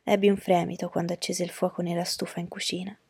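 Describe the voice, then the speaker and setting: A woman narrating an audiobook in a steady, even storytelling voice. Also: on the low side, quick pace, gravelly, slightly rough, dry recording. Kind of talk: audiobook reading.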